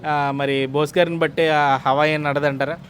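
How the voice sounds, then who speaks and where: A man with a fairly high voice conducts a street interview. He asks probing questions and murmurs quiet agreement as people answer. Faint street noise sits behind him. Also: flat delivery, normal speed.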